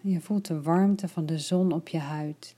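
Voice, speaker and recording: A woman leading a guided relaxation, her voice low and mellow. She talks slowly and softly, sometimes dropping to a whisper. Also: steady tone, husky. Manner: slow, soft and soothing, partly whispered.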